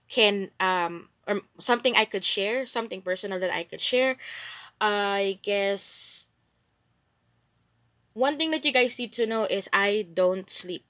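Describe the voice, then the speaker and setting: Giggling and playful, a young Filipino-accented gaming streamer chats live while commenting on her gameplay. She speaks in a medium-pitched voice with a bright, forceful tone, and there's no echo.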